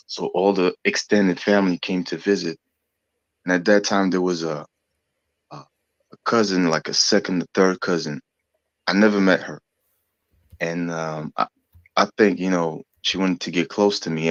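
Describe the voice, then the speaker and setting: A very low-voiced man in his thirties, raised in France and not a native English speaker, talks in an unhurried, halting way, pausing for words and filling gaps with ums. He sounds a little sick. The sound is close and dry, slightly dull and lo-fi. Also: no room sound. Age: 30s. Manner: searching for words, hesitant with fillers. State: sick, coughing. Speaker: podcast guest. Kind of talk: casual chat.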